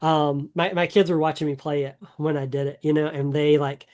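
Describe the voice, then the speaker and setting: Rambling enthusiastic man, fairly high voice. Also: flat delivery, brisk, a little mellow. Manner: rambling, enthusiastic, many fillers and restarts. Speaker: podcast co-host. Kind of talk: casual gaming podcast chat.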